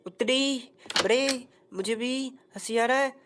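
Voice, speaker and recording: A woman voicing a playful cartoon boy who talks slowly and bossily, with a drawn-out, sing-song delivery in a comic gameplay voice-over. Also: a little high, noisy background, pitched above the performer's own voice. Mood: bossy.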